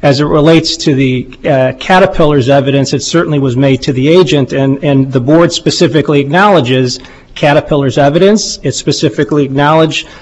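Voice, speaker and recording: Guy lawyer arguing in court, slightly high voice, careful and formal, kinda muffled audio. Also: a little fast. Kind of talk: formal oral argument. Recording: dull, muffled courtroom recording.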